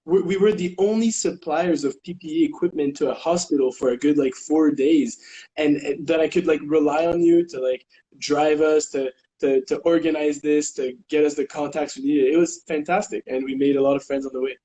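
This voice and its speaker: A man's voice: a little high, steady tone, normal speed, dark tone, a little hiss or hum, poor audio. A young man from Quebec co-hosting a casual chat, hesitant with many fillers and restarts. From Quebec, Canada. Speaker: co-host.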